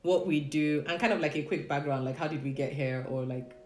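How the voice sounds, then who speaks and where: Speaking briskly in a low voice, this woman is heard in an echoey room with a little hiss or hum. She hosts a casual live session indoors at home alongside her husband, greeting viewers, laughing a lot and leading a prayer.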